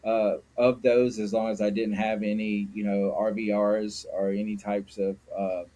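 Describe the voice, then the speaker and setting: A man's voice: lowish voice, little pitch movement, a little slow, dark tone. A middle-aged man from Mississippi, a guest telling his story candidly and reflectively in an interview, with frequent fillers. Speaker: guest, sober living founder. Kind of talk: personal interview.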